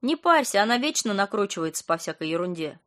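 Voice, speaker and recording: A woman's voice: mid-range voice, big pitch swings, fast, fairly bright tone. A woman reading an audiobook, voicing a bratty younger sister who talks in a breezy, sing-song, dismissive way. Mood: flippant.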